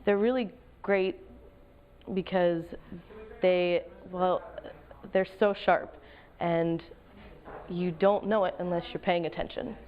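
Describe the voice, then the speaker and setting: An American woman giving informal interview answers in a halting, conversational, reflective way. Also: on the low side, steady tone, dull audio. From Pennsylvania, United States. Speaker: professional photographer and project advisor.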